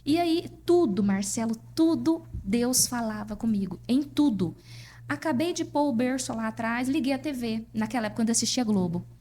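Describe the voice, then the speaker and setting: A Brazilian woman, a podcast guest, telling a personal story in a lively way and acting out what people said. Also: fairly high pitch, normal speed, a little hiss or hum. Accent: Brazilian Portuguese. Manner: lively, acts out dialogue in her stories. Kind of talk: personal storytelling in casual chat.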